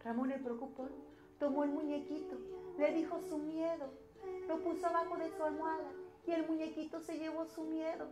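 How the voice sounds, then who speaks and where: A woman's voice: high-pitched, moderate pace. A woman with a Mexican accent telling a children's story expressively. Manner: expressive and animated. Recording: echoey room with ukulele music.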